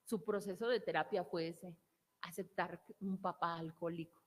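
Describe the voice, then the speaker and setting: A woman's voice: fairly low pitch, steady tone, moderate pace. Mexican woman therapist in a reverberant hall. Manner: emphatic, repeats key phrases and asks rhetorical questions. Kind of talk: motivational talk.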